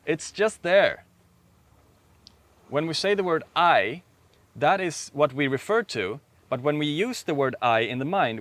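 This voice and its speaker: A man speaking as a meditation teacher, guiding a slow, calm meditation with long pauses. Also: a little high. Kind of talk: guided meditation talk.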